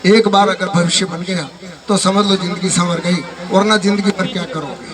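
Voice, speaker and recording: Brief: a male motivational teacher, stern and admonishing, distant mic over a loud crowd. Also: sits high, fairly even intonation, moderate pace. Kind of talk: motivational speech to students. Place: hall with a student audience. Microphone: microphone.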